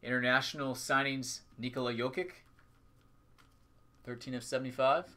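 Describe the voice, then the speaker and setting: A man's voice: medium pitch, fairly even intonation, moderate pace, sharp tone. A man hosting a live trading card break, calling out items in short, clipped announcing phrases. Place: indoors at a tabletop with a display backdrop.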